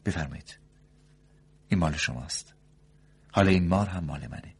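A man voicing a calm, strange woman in a read-aloud story, speaking quietly, flatly and insistently. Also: deep voice, breathy edge. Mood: cold calm. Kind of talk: audiobook story reading.

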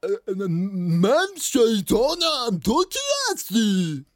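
A woman voicing a cheeky, boastful young trickster hero with a teasing, lively voice. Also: a little high, no room sound, studio quality. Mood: boasting.

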